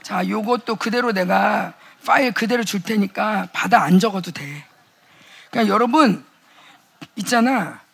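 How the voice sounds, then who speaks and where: Husky, gravelly woman preaching. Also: mid-range voice, a little slow, a bit bright. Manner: casual, chatty preaching that rises to fervent exhortation; acts out quoted voices and mutters asides. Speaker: pastor's wife preaching at a youth revival. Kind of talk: sermon.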